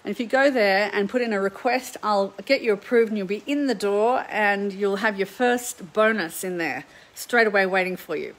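A woman's voice: mid-range voice, normal speed, fairly bright tone, rough recording. Upbeat Australian woman art teacher. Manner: upbeat, chatty, greets viewers by name. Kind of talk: live stream chat to viewers. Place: home painting studio.

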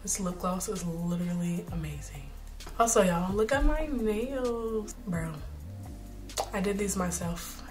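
A young woman chatting casually to camera as a vlogger, her voice slightly hoarse from being sick. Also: mid-range voice, unhurried, soft background music. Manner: chatty and relaxed with slang.

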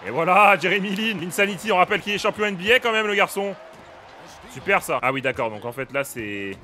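Lively young man yelling at his basketball game. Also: sits high, fairly quick, faint music behind. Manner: excitable, yells at the game, laughs. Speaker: gaming streamer. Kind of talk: casual live game commentary.

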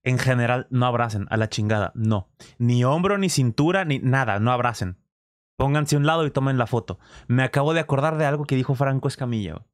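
A man's voice: medium pitch, a little fast, no echo, clean studio sound. A man with a Mexican accent, reacting to a clip on stream in casual, slangy talk full of swearing. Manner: crude slang, swearing, animated demonstrations.

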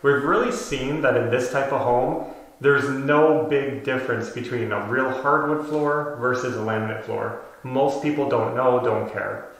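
Standing indoors in an empty bedroom mid-renovation, a man in his thirties explains things casually to camera for his renovation vlog. He speaks at a measured pace with medium pitch, and the room echoes heavily.

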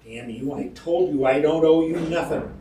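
A man's voice: on the high side, normal speed, dark tone, voice pushed up, lightly acted. A man reading aloud while voicing an angry soldier who answers in curt, growling retorts. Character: angry soldier pushed too far, grim and threatening. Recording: roomy hall, distant mic, faint ambience.

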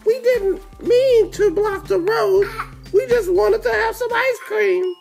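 Dad doing sorry storybook dragons, squeaky high and sheepish. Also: male voice, takes it slowly, gravelly, a little mellow, soft background music, exaggerated voice. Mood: apologetic. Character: sheepish group of dragons, apologetic.

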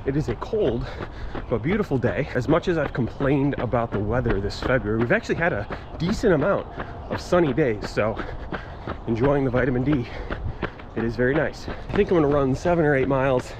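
A man's voice: medium pitch, lively intonation, brisk. An American man in his thirties chatting casually to camera while running, speaking in short phrases. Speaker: running vlogger. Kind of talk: casual vlog chat to camera. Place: outdoors on residential and downtown streets. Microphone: action camera held at arm's length. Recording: clear outdoor street and traffic noise.

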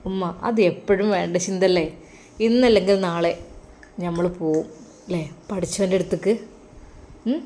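A woman's voice: fairly low pitch, normal speed, pauses often, dark tone, lightly acted. A woman voicing a grieving, devout young son who speaks earnestly to his mother. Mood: sorrowful. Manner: earnest, pleading, sorrowful.

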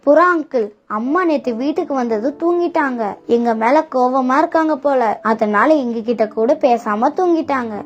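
A woman's voice: high-pitched, normal speed, natural voice. A woman voicing small, innocent sparrow chicks in a cartoon, pleading and childlike. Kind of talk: cartoon voice acting. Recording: dull lo-fi with faint music.

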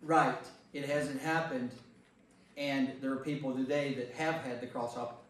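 In an echoey group meeting room, an American man who pastors leads casual Bible study teaching and discussion, talking conversationally and repeating phrases to stress points. His medium-pitched voice is a little slow with fairly even intonation, picked up by a distant mic with faint noise.

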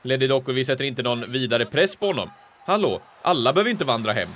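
A man giving live, excitable commentary on his own video game play, breaking into shouts at big chances. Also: mid-range voice. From Sweden. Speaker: gaming YouTuber.

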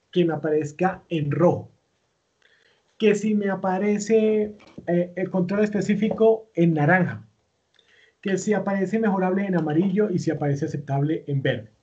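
A man teaches a recorded online class, going step by step with plenty of fillers and restarts. His voice sits a little high and sounds dark and husky. The computer mic gives it a dull, lo-fi sound. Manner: patient, step-by-step, many fillers and self-corrections. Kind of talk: recorded online class, screen-share tutorial.

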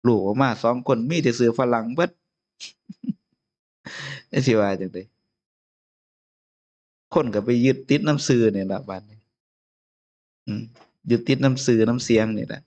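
A man's voice: medium pitch, unhurried, pauses often, a little mellow. A man with an Isan Lao accent giving an informal Buddhist sermon as abbot, chatty and chuckling often. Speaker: abbot giving a Dharma talk.

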